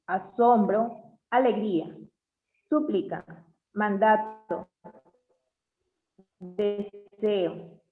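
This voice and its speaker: A woman reading a class presentation on punctuation, going through definitions and examples in a measured way. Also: on the high side. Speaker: student presenter. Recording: tinny phone-like audio in an echoey room.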